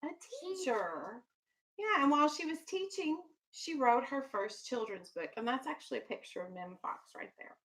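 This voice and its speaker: An elementary school teacher with a high-pitched, slightly bright voice reads expressively to young children at a normal speed. Her style is instructive: she explains things simply, asks questions to check understanding and firmly keeps the children on task.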